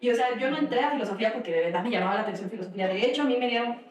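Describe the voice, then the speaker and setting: A woman's voice: a little high, very fast, heavy reverb, recorded from a distance, a crowd in the background. A young woman from Michoacán, a guest student chatting casually and hesitantly with many fillers. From Michoacán, Mexico. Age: young adult. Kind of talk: casual conversation.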